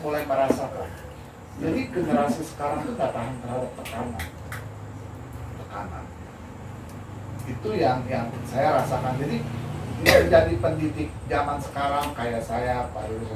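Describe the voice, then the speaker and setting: Older male architect-lecturer, animated candid storyteller; roomy, noisy, distant recording. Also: mid-range voice. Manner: animated, candid, laughs while telling stories. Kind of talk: informal talk with storytelling.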